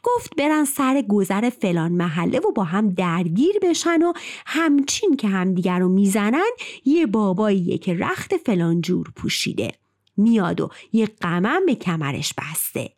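A woman storyteller narrating a folk tale in a lively, expressive way. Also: medium pitch.

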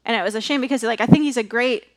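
A woman's voice: on the high side, rapid-fire, dry recording. A young woman co-hosting a casual movie review podcast, chatty, with frequent laughs and fillers. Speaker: podcast co-host.

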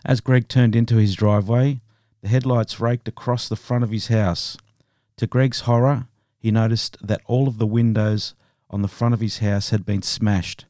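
A man hosting a podcast, narrating a true crime story in a steady, measured way. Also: lowish voice, dry recording, studio quality. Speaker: podcast host.

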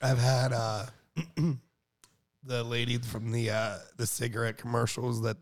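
A man's voice: medium pitch, flat delivery, takes it slowly. A man on a casual podcast, laughing off his friends' teasing.

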